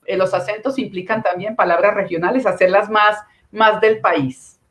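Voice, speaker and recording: A woman's voice: medium pitch, fairly even intonation, normal speed, a bit bright. A woman with a Colombian accent, a communication consultant giving instructive explanations with examples during an online panel talk. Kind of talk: panel talk on video call.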